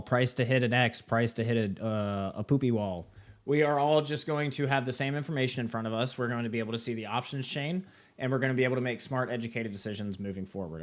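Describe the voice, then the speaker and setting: A young man with a mid-range voice hosts a live trading session, speaking fairly quickly as he walks through a platform on a screen share. He's casual and full of fillers, constantly tacking on "right?" and "okay?".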